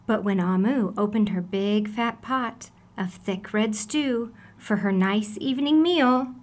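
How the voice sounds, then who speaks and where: A woman with a mid-range voice reads aloud from a children's storybook, her delivery expressive and carefully deliberate.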